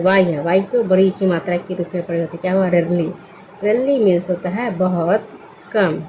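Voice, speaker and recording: A woman's voice: medium pitch, warm tone, slight background noise, rough recording. A woman teaching English spelling word by word, patiently asking questions and answering them herself. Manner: patient, asks and answers her own questions. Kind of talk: slow spelling lesson.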